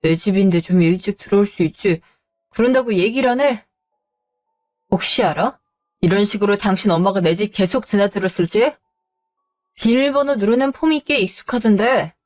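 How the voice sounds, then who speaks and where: A woman's voice: medium pitch, normal speed, darkish tone, faint music behind, close to an everyday voice. A woman voicing a rude, irritable middle-aged husband in a scripted audio drama. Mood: scornful. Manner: blunt and scornful.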